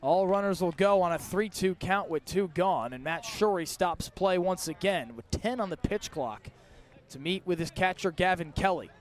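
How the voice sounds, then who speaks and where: Speaking at a normal speed, a man with a high voice calls a baseball game for live radio. As the play-by-play announcer, he tracks the action one pitch at a time.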